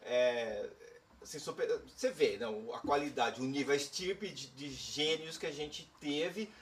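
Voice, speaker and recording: A man's voice: mid-range voice, a little slow, far from the mic, slight background noise. A man in casual chat about music, rambling and opinionated with lots of slang.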